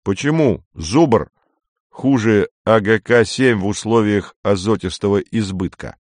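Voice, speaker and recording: A haughty boy navigator who speaks with cool, polite disdain, as a male narrator puts him on. His low voice drops even lower, told in a dry storybook reading. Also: a little slow, no echo. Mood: disdainful.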